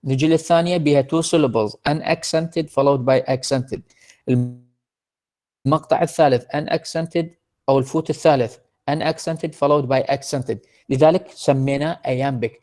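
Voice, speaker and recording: A man with an Iraqi Arabic accent giving an online university lecture, switching between Arabic and English, slowing down for definitions and often hesitating over words. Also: on the high side, fairly even intonation, darkish tone. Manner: mixes Arabic and English, slow deliberate English definitions, frequent hesitations. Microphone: computer mic in an online class.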